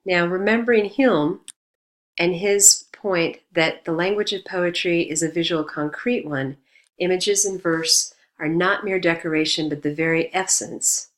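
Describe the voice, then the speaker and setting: A woman lectures on poetry in a steady, explanatory manner. Her voice sits a little low, and she reads passages aloud before unpacking them point by point. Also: unhurried. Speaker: teacher.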